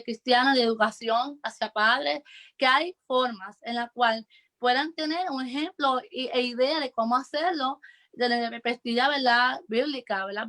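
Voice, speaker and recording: A woman's voice: high-pitched, fairly bright tone. A woman co-hosting a church talk show, hesitant and searching for words with many fillers. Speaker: co-host.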